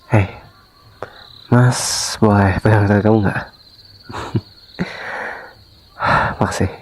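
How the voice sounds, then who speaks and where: A man voicing a remorseful young husband softly pleading with his wife, in a whispered role-play that sprinkles in English phrases. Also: on the low side, steady tone, extremely slow, pauses often, rough recording. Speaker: ASMR voice actor.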